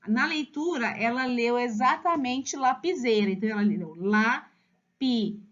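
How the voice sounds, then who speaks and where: A woman with a Brazilian accent explaining children's writing levels to parents as a teacher, stretching words slowly syllable by syllable. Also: fairly high pitch. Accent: Brazilian Portuguese. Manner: lively, drawn-out slow spelling of syllables. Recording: slightly dull lo-fi recording.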